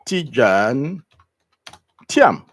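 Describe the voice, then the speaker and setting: A man's voice: medium pitch, very slow, breathy edge. A man hosting a live talk show, giving indignant political commentary while looking things up online. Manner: animated, indignant, searching online while talking. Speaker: show host.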